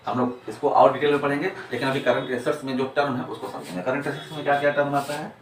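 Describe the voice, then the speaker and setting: A man delivers an accounting lecture in a classroom, repeating key points and answering his own rhetorical questions. His medium-pitched voice is steady and quick, recorded in an echoey room from a distant mic with faint noise.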